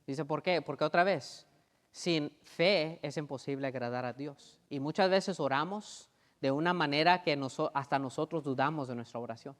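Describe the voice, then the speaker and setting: A male pastor delivers a sermon in a conversational, back-and-forth manner. He often checks that the congregation is following and repeats phrases for emphasis. His voice sits a little high, and it rings out with a long reverb in a church sanctuary. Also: moderate pace. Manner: conversational preaching, keeps asking "¿verdad?".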